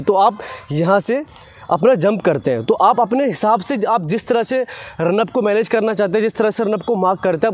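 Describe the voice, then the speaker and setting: A young man in his 20s with a high-pitched, slightly mellow voice coaches fast bowling. He gives an instructional explanation to camera outdoors on an open grassy cricket ground, using a lapel mic.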